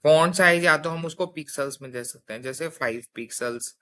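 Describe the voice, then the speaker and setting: With a voice on the higher side, fairly quick and sharp, a young man runs through a coding lesson in everyday spoken language. He goes step by step and often checks in with listeners using "theek hai."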